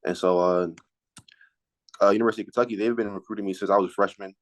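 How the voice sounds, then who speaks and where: Male, late teens, student athlete. Lowish voice, casual interview answers, halting delivery with repeated words. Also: fairly even intonation. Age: late teens, high school senior.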